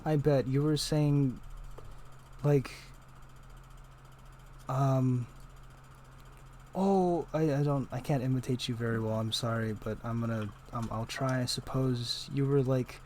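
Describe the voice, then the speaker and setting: A man voicing a sardonic spirit trapped inside a staff, with a dry, teasing, deadpan manner. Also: medium pitch, slow pace, long pauses, slight background noise, natural voice. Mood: rambling. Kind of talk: tabletop role-play voice.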